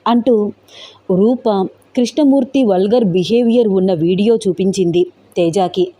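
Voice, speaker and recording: Mellow-voiced woman storyteller. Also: mid-range voice, unhurried. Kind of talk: scripted story narration.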